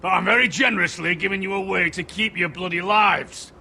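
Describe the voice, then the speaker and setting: Gravelly, menacing enemy lord. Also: male voice, high-pitched, a little fast, sharp tone, slight background noise, full character voice. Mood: gloating menace. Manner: menacing, taunting. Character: brutal gloating enemy lord, menacing and mocking. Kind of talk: dramatic video game acting.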